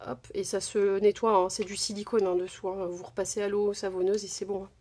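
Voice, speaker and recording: A woman's voice: medium pitch, level tone, a little fast, warm tone, slight background noise. A woman, casually showing her craft purchases in a haul vlog, chatty, with many fillers and self-corrections. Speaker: crafting channel host. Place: home craft desk.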